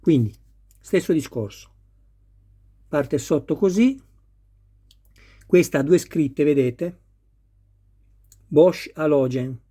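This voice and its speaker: A man's voice: a little high, expressive, takes it slowly, long pauses, mellow, husky. A man talking viewers through assembling a scale model car step by step, patient and careful with each detail. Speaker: model kit builder. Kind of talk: hands-on assembly tutorial.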